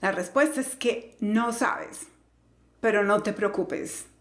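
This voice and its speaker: A woman who teaches English pronunciation, explaining slowly and carefully and repeating each example word. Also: medium pitch, roomy sound. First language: Spanish.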